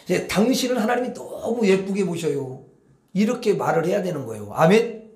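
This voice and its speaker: Lively, high-voiced pastor preaching in an echoey church. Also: male voice, moderate pace. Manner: animated preaching, swinging between hushed murmurs and loud outbursts; coaxes the congregation with call-and-response. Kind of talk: sermon. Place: church sanctuary.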